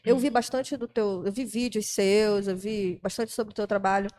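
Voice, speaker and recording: A woman's voice: medium pitch, fairly even intonation, moderate pace, a little mellow. A woman hosting a casual podcast interview, chatty and often checking for agreement. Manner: chatty, seeks agreement with frequent tag questions. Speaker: podcast host.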